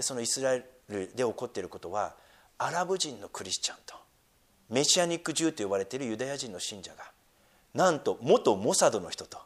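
A middle-aged man preaching a sermon, dropping to near-whispers and then rising to loud, emphatic lines, reading scripture slowly and deliberately. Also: mid-range voice, slightly rough. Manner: slow, drawn-out scripture reading. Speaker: pastor.

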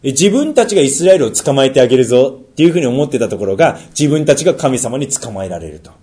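A male pastor delivers a sermon in a middle-pitched voice that rises and falls very widely. He asks his listeners rhetorical questions. He pushes some phrases out loudly and drops others almost to a whisper. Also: fast. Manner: animated preaching with rhetorical questions, swinging from loud to near-whisper.

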